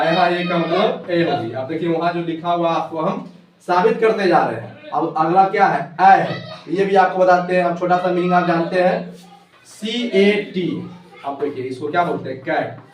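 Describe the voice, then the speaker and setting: Man teaching at a board, echoey and distant. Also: on the high side. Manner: spells words out letter by letter, slows down for English phrases. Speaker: English teacher. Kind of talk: whiteboard lesson explaining pronunciation. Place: classroom with a board. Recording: echoey room, voice from far off, faint noise.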